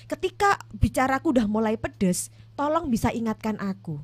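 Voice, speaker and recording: Indonesian lady counselor giving relationship advice, kinda high voice, dry close sound, lots of fillers. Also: moderate pace, no echo. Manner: relaxed, hedging with many fillers. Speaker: marriage counselor. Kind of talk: casual advice talk.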